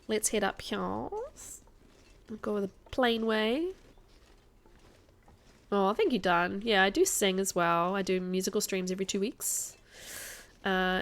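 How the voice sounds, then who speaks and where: A woman with a mild New Zealand accent, chatting casually and jokily as she streams a game live. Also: mid-range voice. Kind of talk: casual livestream chat over gameplay.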